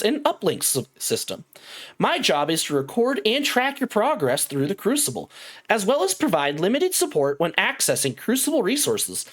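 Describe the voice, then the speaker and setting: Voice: medium pitch, fairly bright tone, pitched above the performer's own voice. A game master voicing a courteous corporate AI assistant system that reads out formal announcements.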